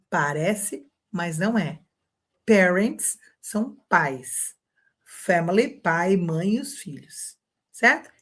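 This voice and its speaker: A woman's voice: medium pitch, fairly bright tone, husky. A Brazilian woman teaching an online English lesson, chatty and encouraging, checking in with her students again and again. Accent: Brazilian Portuguese.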